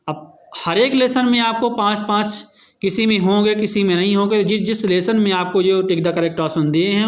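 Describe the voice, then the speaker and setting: A man teaching a revision lesson, spelling words out letter by letter and answering his own questions as he explains. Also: high-pitched.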